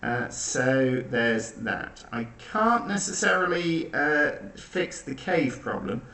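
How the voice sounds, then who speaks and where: A man hosting an online quiz in a dry, deadpan way, his voice sounding like it is in a cave because of a makeshift backup mic. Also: medium pitch, takes it slowly, creaky. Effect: cave-like echo. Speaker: quiz host. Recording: echoey room, far from the mic.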